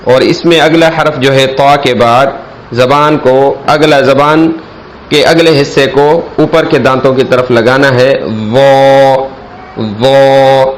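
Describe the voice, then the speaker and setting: A man's voice: medium pitch, steady tone, a little hiss or hum, rough recording. A man teaching an alphabet reading lesson, explaining each letter and stretching the sounds out carefully. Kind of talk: slow instructional alphabet lesson.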